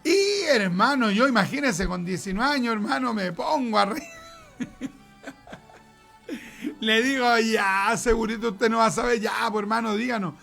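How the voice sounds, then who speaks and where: A man's voice: high voice, lively intonation, brisk, vocal fry, few pauses, bright, forceful tone, soft background music. A middle-aged man with a Chilean accent preaching a sermon, emphatic, repeating words for stress and acting out conversations. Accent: Chilean Spanish.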